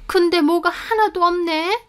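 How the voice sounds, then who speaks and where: A woman doing a shrill, scolding mother-in-law. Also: unhurried. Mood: surprised.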